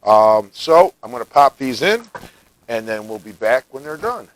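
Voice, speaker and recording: A man from the United States casually chatting through a home cooking vlog, relaxed and talkative, often tasting food while he speaks. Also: medium pitch, a little slow, low-quality recording. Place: home kitchen.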